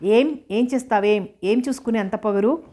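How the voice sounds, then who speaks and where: A woman's voice: a little high, normal speed, mellow, natural voice. A woman reading the lines of an arrogant older male headmaster, with sneering, insulting retorts.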